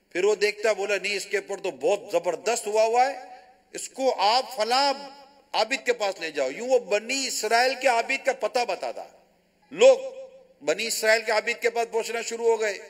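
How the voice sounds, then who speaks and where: A Pakistani man, a religious scholar, telling a moral story in a sermon and acting out the dialogue. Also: high voice. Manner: animated storytelling with quoted dialogue.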